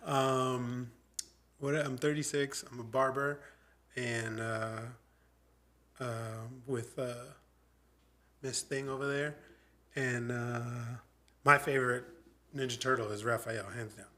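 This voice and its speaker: A man's voice: medium pitch, steady tone, takes it slowly, long pauses, bright, forceful tone. Joking, profane man in his thirties hosting. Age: 30s. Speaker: podcast host. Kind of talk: casual chat.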